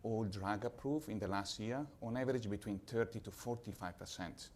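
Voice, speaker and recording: A man from Italy with an Italian accent, speaking on a conference panel as a pharma executive, measured and slightly halting in English. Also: fairly low pitch, darkish tone, slight background noise.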